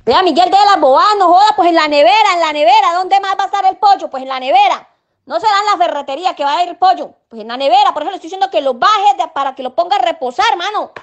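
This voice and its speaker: A woman's voice: very high voice, fast talker. A woman playing an exasperated mother in a comedy sketch, scolding and cursing at her son. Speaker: sketch actor.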